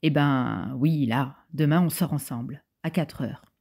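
A woman's voice: extremely low pitch, a little slow, vocal fry, darkish tone, heavily acted. A woman voicing a blunt, coarse young housemaid in an audiobook, speaking in a curt, colloquial way. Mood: offhand.

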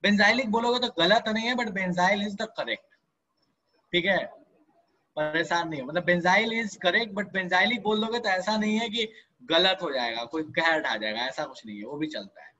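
Bright high-voiced male teacher, coaxing. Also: animated, normal speed, highs cut off. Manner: coaxing, repeats "ठीक है" and "ध्यान दो", asks and answers own questions; addresses students by name, mixes English terms into Hindi. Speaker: chemistry teacher. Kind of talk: live online class lecture.

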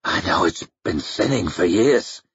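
A man's voice: sits low, animated, a little slow, slightly rough, no room sound, highs cut off, voice pushed down, exaggerated voice. A man voicing a weary, sick middle-aged man who speaks in a wry, understated way.

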